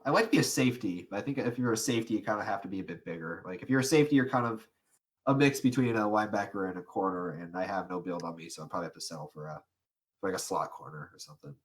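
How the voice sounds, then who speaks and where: A man's voice: medium pitch, fairly bright tone. A young man co-hosting a casual podcast, rambling with lots of fillers, restarts and frequent laughs. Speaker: podcast co-host. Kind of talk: casual chat.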